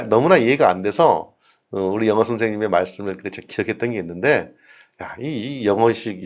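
Animated Korean man teaching English. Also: on the low side. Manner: chatty, laughs often, acts out dialogue lines. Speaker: English exam tutor. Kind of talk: recorded exam lesson.

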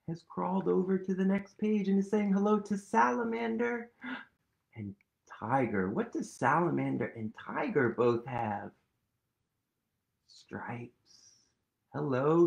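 A fairly high-pitched man in his thirties reads a picture book to young kids, seated on his home sofa in front of a webcam. He's very animated yet slow, with vocal fry and frequent pauses, going sing-song and whispery, all in lo-fi sound.

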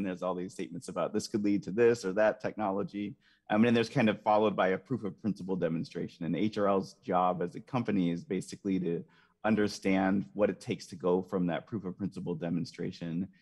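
A man in his thirties on a video call with a headset, giving a measured technical answer as a panelist, with frequent fillers. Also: on the low side, a little mellow. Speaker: panelist, industry scientist.

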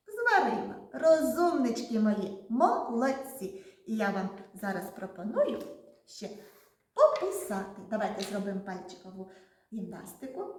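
A woman teaches a literacy class to small children in a lively, sing-song voice that swoops up high to praise them. She stretches her words out slowly and clearly. The recording rings with strong room echo. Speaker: kindergarten teacher. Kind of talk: literacy lesson for young children. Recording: very echoey room.

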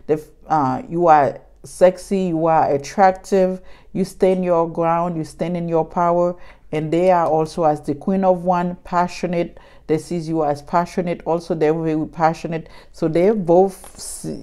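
A woman with a low, mellow voice gives a casual tarot reading to camera. She talks chattily, circling back over the same points and addressing her viewers directly. Her tone stays relaxed and warm-toned throughout. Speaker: tarot reader.

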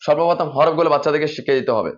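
A man's voice: on the high side, very fast. A man teaching teachers how to drill children in reading, methodical and repeating set spelling patterns. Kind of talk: instructional explanation for teachers. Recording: dull lo-fi recording.

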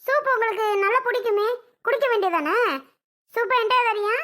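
A woman plays a young wife caught out over a spoiled soup, her voice piercingly high and sharp. She pleads and snaps back. Her tone is bright and pressed, the voice of a comedy skit. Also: fairly quick. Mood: pleading, defensive. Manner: pleading, then snapping back. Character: flustered young wife defending her cooking.

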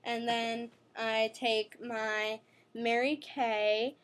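With a fairly high, somewhat bright voice, little pitch movement, and an extremely slow pace, a New York City teen talks through her skincare. The casual review vlog is shot on a desk webcam in her bedroom at night, and her chatter rambles with plenty of fillers and self-corrections.

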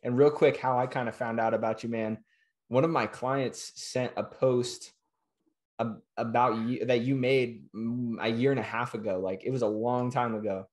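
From a small room at home, a twenty-something man hosts a podcast as a casual interview over video call, his voice medium-pitched, a little mellow and fairly even in intonation. He stays upbeat and friendly, quick to affirm, and the audio comes through a webcam or laptop mic.

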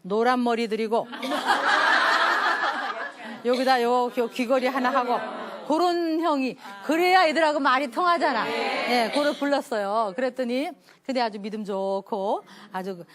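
A woman's voice: a little high, measured pace, a crowd in the background. A middle-aged woman professor giving a parenting lecture, telling anecdotes animatedly, acting out quoted voices and laughing often. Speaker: professor teaching a parenting class.

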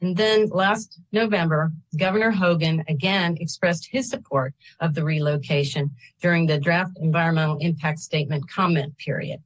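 A woman's voice: low voice, steady tone, normal speed, hardly any pauses, poor audio. A woman from a state agency reading a prepared statement of support at a public hearing over a video call, with small slips and corrections as she reads figures. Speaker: state agency representative giving public testimony. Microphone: computer webcam on a video call.

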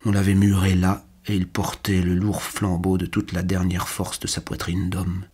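A man reading a literary novel aloud as a first-person audiobook narrator, in a measured, quietly emotional manner. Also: low voice, monotone, slightly rough.

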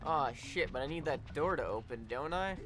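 Excitable young man yelling at a game. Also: a little high, moderate pace, over music. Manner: excitable, swears a lot, yells at the game. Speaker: let's play gamer. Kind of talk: casual gameplay commentary.

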